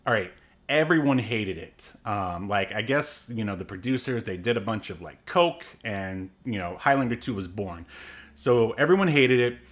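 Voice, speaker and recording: In a casual podcast chat, a thirty-something male co-host rambles along, leaning on plenty of fillers and laughing often. He speaks in a lowish register that sounds a bit bright.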